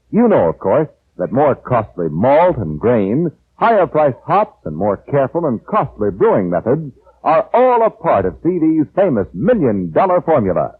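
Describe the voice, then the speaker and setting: Man, old radio show announcer, persuasive pitchman delivery, swooping pitch, thin phone-like vintage radio audio. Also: breathy edge. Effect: old radio broadcast sound. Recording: tinny lo-fi vintage radio broadcast.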